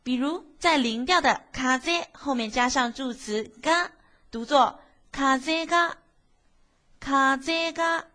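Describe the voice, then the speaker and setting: A woman's voice: high-pitched, a little slow, bright, forceful tone. A woman teaching a beginner language lesson, explaining patiently step by step and asking the class questions. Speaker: Japanese teacher.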